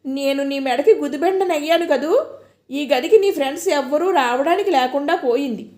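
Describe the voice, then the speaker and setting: A woman voicing a young married woman who is hurt and quick-tempered, speaking in an emotional, reproachful way. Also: high voice, darkish tone, pitched above the performer's own voice, close to an everyday voice. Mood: hurt, angry. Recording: echoey room.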